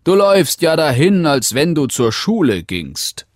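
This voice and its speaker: A sly storybook wolf, put on by a man reading aloud, coaxing and wheedling as he lures his prey. The voice swoops through a wide, lively pitch range and unhurried phrasing, recorded dry and close. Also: no echo. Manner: wheedling, coaxing, sometimes hushed whisper. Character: sly scheming male wolf, storybook predator.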